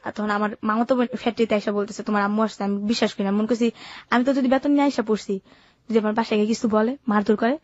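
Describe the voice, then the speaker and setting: Speaking very fast in a mid-range, fairly even voice that's slightly mellow, a seventeen-year-old woman recounts her own life casually and without sentiment. She has a colloquial Bangladeshi Bengali accent, and the audio has its highs cut off.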